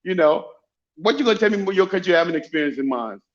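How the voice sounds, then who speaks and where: A man with a slightly high voice and a Dominican-influenced accent talks very quickly in casual, emphatic chat. He repeats phrases to drive points home, over dull, lo-fi call audio. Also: lively intonation. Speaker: guest, travel YouTuber. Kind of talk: casual chat, animated storytelling.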